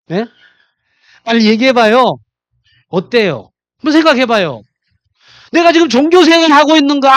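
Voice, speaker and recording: With no echo in the recording, this preacher's sermon moves back and forth between booming emphasis and hushed confidences. He puts questions straight to his congregation as he goes.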